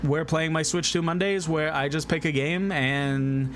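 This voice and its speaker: A man's voice: on the high side, fairly even intonation, unhurried. A man chatting casually as a VTuber game streamer, rambling along and greeting viewers in a friendly way. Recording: loud background music. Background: music.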